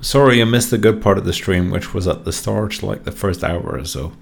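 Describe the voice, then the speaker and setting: A man's voice: deep voice, brisk, vocal fry. A young man from Norway streaming live, bantering with his viewers in a joking, profane, offhand way. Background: faint song playing.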